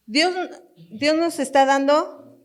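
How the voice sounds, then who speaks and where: A woman's voice: sits high, takes it slowly. A woman pastor teaching parents in a sermon, repeating her points emphatically and speaking straight to them. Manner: emphatic and repetitive, addressing parents directly with light laughter.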